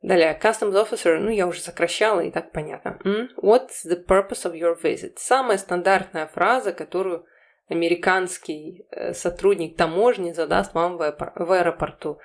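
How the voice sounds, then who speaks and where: A woman with a slightly low voice hosts an informal language lesson. She explains as a teacher does, repeating phrases and translating them step by step. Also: moderate pace. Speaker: English teacher, channel host.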